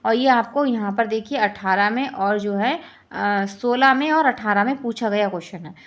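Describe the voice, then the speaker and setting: Fairly high-voiced woman teaching Hindi exam prep. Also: moderate pace. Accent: Hindi-belt Indian. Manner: repeats each answer as a quiz question.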